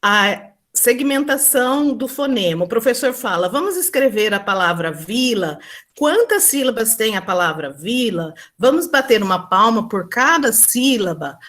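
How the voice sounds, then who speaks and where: A woman presenting her classroom experience at an online teaching symposium. She speaks hesitantly, with many fillers and restarts, and acts out slow teacher and pupil lines. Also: a little high, a bit bright.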